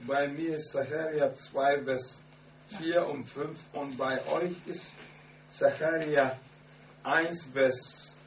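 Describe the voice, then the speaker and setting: A man preaching a sermon and telling his own story in halting German full of grammar slips. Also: fairly high pitch, steady tone. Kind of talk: sermon with personal testimony. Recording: echoey, muffled distant hall recording with hum.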